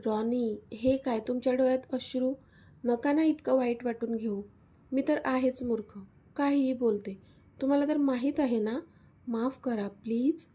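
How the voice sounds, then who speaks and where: A woman's voice: a little high, moderate pace, dark tone, slightly rough. A woman voicing a pouting, tearful young woman in a storybook love story. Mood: pleading. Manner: pouting, pleading.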